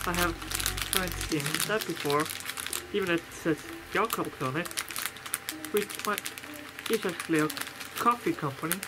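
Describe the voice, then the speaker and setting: A speaker talks from inside a costume head, so the voice comes through it. The talk is loose and halting, full of restarts as they think aloud over a snack box. Music plays clearly behind them. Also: medium pitch, low-quality recording. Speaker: vlogger opening a fan's snack package. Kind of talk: casual unboxing and taste-test chat.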